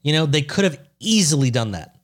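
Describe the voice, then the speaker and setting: A man's voice: a little high, sing-song, a little fast. Profane sarcastic man chatting on a podcast. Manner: sarcastic, profane, mock-outraged teasing. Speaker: podcast co-host. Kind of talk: casual chat.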